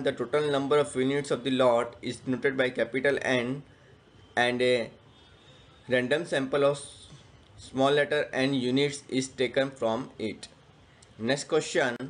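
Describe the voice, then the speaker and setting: Man dictating quiz questions in short phrases. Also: mid-range voice. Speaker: statistics teacher. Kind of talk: reading multiple-choice quiz questions and answers aloud.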